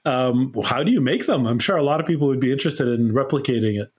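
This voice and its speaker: A man's voice: medium pitch, animated, quick pace, a little mellow, husky. A man hosting a casual interview, talking in a friendly, easy-going way and laughing often. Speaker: host.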